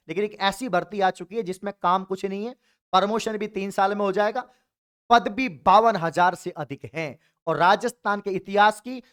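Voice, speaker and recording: A man's voice: high-pitched, fairly bright tone. Encouraging coaching teacher, man. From Rajasthan, India. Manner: encouraging, addresses viewers as friends and brothers. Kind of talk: YouTube exam update talk.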